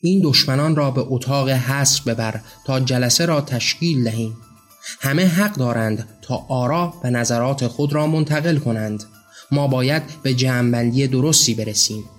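A man's voice: mid-range voice, faint music behind, close to an everyday voice. A man voicing a pompous, commanding self-styled male leader of a madhouse in a read-aloud story. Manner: commanding, stately.

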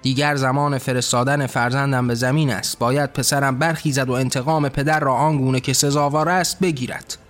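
A man's voice: mid-range voice, steady tone, hardly any pauses, a bit bright, faint music behind, lightly acted. A man voicing a wrathful, ranting male god who bellows scornful tirades in a storybook reading.

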